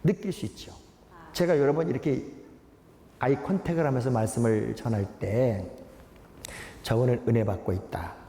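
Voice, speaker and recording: A Korean pastor in his sixties, a man, preaching a sermon with lively humorous storytelling. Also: mid-range voice, moderate pace, pauses often. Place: large church sanctuary. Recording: echoey church hall, faint noise.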